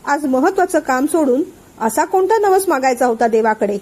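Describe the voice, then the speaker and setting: A woman's voice: sits high, lively intonation, normal speed, a little mellow. A woman voicing a hot-tempered suspicious young man. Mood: angry, suspicious. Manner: accusing, hot-tempered questioning.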